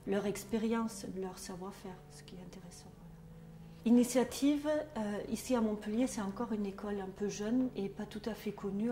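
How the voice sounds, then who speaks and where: Speaking in a mid-range, mellow voice, a middle-aged trainer from a social work school in Germany gives a testimonial with a German accent. She hesitates often, using many fillers and restarting sentences. The recording sounds roomy, with a little hiss or hum.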